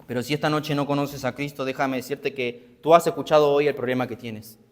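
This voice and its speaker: An earnest man preaching to his congregation, his mid-pitched voice carrying through a church hall. He presses his questions by repeating them, and a long reverb trails each phrase. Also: steady tone, fairly quick, slight background noise. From Argentina. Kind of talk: sermon.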